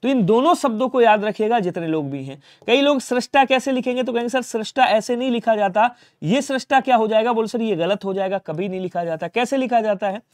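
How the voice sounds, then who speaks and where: A man with a very high voice teaches an online exam-prep spelling lesson. He keeps asking the students questions, answers them himself, and tells them again and again to remember. The sound is dry and close, with no room around it. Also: animated, a little fast, hardly any pauses, no echo. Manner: repeats reminders to remember.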